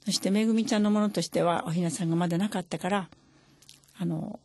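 Older woman, mother's recorded message; gentle, halting delivery, mellow tone. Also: lowish voice, fairly even intonation, slightly rough, dry recording. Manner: gentle, halting, many pauses and fillers.

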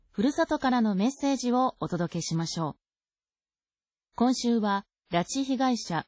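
A woman radio announcer presenting a program in a calm, formal, measured way. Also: on the high side, no room sound, studio quality. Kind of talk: scripted broadcast announcing.

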